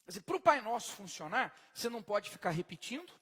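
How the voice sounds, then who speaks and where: Male preacher, high and animated, husky tone, emphatic, long reverb. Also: fast talker. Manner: emphatic, swings from soft to loud, questions the congregation. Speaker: pastor. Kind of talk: sermon.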